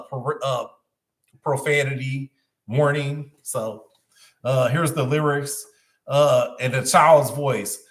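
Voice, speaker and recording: A man's voice: medium pitch, fairly bright tone, reverberant, recorded from a distance. Hesitant man breaking down lyrics. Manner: hesitant, many filler pauses. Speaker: channel host.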